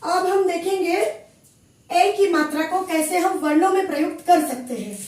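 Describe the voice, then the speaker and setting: Woman teacher, high voice, slow careful repetition, heavy room echo, distant mic. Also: a little mellow. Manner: repeats each word slowly and clearly. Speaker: Hindi teacher. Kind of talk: slow classroom lesson, spelling out sounds. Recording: echoey room, voice from afar.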